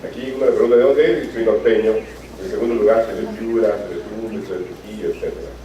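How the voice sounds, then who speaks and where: A man's voice: fairly low pitch, fairly even intonation, fast, a crowd in the background. A man giving a university lecture in a conversational way, often adding tag questions and fillers. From Peru. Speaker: guest lecturer. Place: lecture hall. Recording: echoey hall from far off, dull sound.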